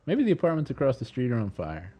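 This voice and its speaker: A man's voice: mid-range voice, huge pitch swings, quick pace, a crowd in the background. A man with a Southern US accent chats casually as a podcast co-host, rambling and joking. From Southern United States, Arkansas. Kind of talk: casual chat.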